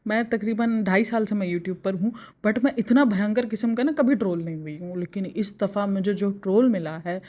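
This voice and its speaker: A woman's voice: mid-range voice, moderate pace, hardly any pauses, warm tone. A woman from Pakistan talking in a casual opinion vlog, arguing emphatically and answering her critics directly. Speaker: vlogger reviewing other vloggers.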